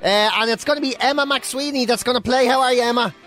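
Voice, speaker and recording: A man's voice: extremely high pitch, fairly quick, loud music behind the voice. A man with an Irish accent co-hosting a radio show with casual banter. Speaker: radio co-host.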